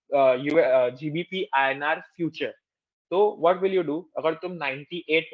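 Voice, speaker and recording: A man's voice: a little high, no echo. Indian guy teaching finance on a video call, keeps asking the class questions, kinda muffled dry sound. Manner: explanatory, switches between Hindi and English, quizzes students. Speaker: actuarial finance tutor. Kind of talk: online class lecture. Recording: dull lo-fi call audio, dry.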